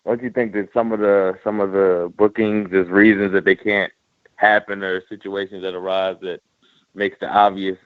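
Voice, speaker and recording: A man from North Carolina calls in to a talk show and asks his questions haltingly, with many fillers. His voice is low and dry, and it comes through a dull phone line. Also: flat delivery, clean tone, no echo. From North Carolina, USA. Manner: hesitant, full of fillers. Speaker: caller.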